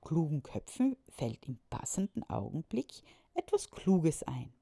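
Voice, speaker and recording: Storybook mayor, firm and a bit pompous, slow and gravelly, as a woman reader puts him on. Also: low-pitched, sing-song, dark tone, dry recording, clean studio sound, full character voice. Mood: proud. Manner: firm, declaiming, slightly pompous. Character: proud, kindly small-town male mayor.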